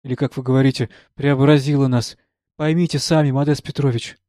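A man voicing a gentle young woman in an audiobook, speaking quietly and firmly to console. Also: mid-range voice, level tone, a little fast, dry recording, studio quality, close to an everyday voice. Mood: calm. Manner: quiet, firm, soothing. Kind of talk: audiobook character reading.

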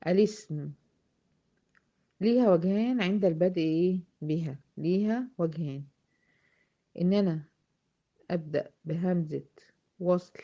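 A woman with an Egyptian accent teaching a tajweed lesson, often asking her students questions and slowly drawing out example words. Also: lowish voice, mellow, dull audio. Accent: Egyptian Arabic. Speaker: Quran recitation teacher. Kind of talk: tajweed lesson explaining grammar.

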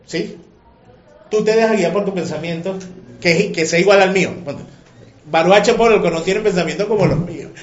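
Guy teaching a religious class, lively and questioning, muffled echoey recording. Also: high voice, moderate pace. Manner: animated, questioning, emotional. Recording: echoey room, muffled lo-fi sound.

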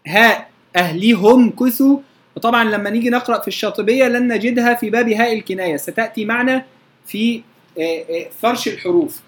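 A teacher with an Egyptian Arabic accent gives a lesson on recitation rules. The teacher slowly intones verse examples and keeps checking that the class follows. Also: medium pitch. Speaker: teacher of Quranic readings.

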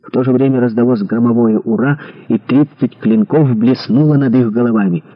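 A man narrating an adventure novel aloud in an expressive, dramatic reading. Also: medium pitch, a little fast, lo-fi sound. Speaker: audiobook narrator. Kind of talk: scripted narration.

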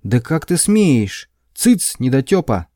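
A pompous alien fanatic, put on by a man, who booms out his slow, ranting speech in a sepulchral voice, dark and mellow in tone. The recording is dry and close. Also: big pitch swings, dry recording. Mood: outraged. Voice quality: sepulchral, booming and drawn-out. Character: pompous brutish alien male zealot ranting.

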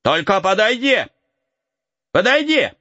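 A man's voice: a little high, very animated, measured pace, dry recording, lo-fi sound, pitched above the performer's own voice. A man voicing a cheeky runaway boy from the woods who teases and cackles in a raised voice. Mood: threatening. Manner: teasing, cackling, folksy. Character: mocking cheeky forest boy, laughing runaway.

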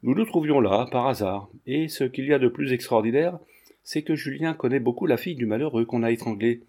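A man's voice: mid-range voice, brisk, a little mellow, lightly acted. A man reading the part of a talkative, breezy young nobleman in an audiobook. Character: chatty young nobleman, lively and glib.

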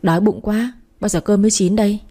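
Woman doing a cranky old granny who blames everyone, mellow husky voice, storybook reading. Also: medium pitch, steady tone, brisk, close to an everyday voice. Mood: grumbling. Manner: scolding, complaining. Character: scolding old grandmother, grumpy and quick to blame.

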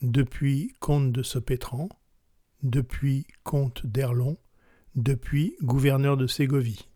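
A man narrating a literary text aloud in a measured, solemn way. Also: medium pitch, steady tone, mellow, no echo, studio quality. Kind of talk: literary reading.

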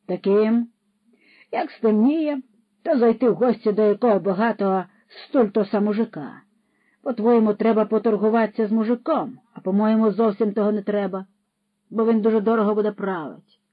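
Pompous, loud-lecturing male horse thief, put on by the audiobook narrator, a bit higher than the narration, dull dry storybook audio. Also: normal speed, no room sound, lightly acted.

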